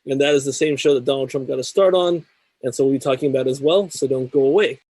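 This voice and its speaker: A man's voice: mid-range voice, background noise. A man hosting a tech talk show, reading news items and then interviewing a guest. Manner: measured, reads news items then chats. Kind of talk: scripted news segment and interview.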